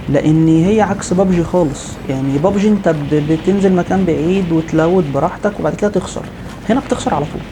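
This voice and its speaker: Man, Egyptian Arabic accent, gameplay commentary, quick talker, repeated exclamations, game noise behind. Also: a little high. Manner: excitable, rapid-fire repeated exclamations. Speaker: gaming video host. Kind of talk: excited live gameplay commentary.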